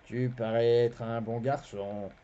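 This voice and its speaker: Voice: mid-range voice, fairly even intonation, mellow, lightly acted. A reader doing a cold, probing stranger. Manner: slow, probing, measured questions. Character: suspicious, cold foreign merchant-spy. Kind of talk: fantasy novel read aloud. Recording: dull, lo-fi stream audio.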